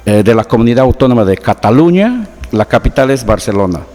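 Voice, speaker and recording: A man's voice: mid-range voice, big pitch swings, a little fast, darkish tone, big-room sound, faint music behind. Man from the Peruvian Amazon, explaining. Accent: Peruvian Amazonian Spanish. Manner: patient, explains with examples. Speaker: guest, researcher. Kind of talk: explanatory interview talk.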